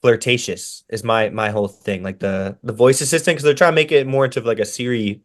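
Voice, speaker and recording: A man co-hosting a podcast who talks very quickly. His voice sits at a middle pitch. He is excitable and jumps in fast with reactions. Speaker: podcast co-host. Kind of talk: casual chat.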